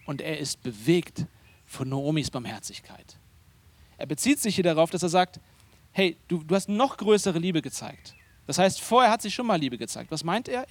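High-voiced, animated man preaching. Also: dry recording. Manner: conversational, asks the congregation questions; animated, emphatic delivery. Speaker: pastor. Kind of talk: sermon.

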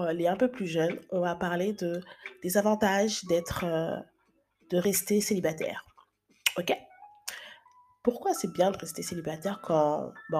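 A woman's voice: lowish voice, dark tone, breathy edge. A woman in her thirties giving casual, chatty advice to young viewers, with frequent fillers and restarts. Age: 30s. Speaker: advice vlogger.

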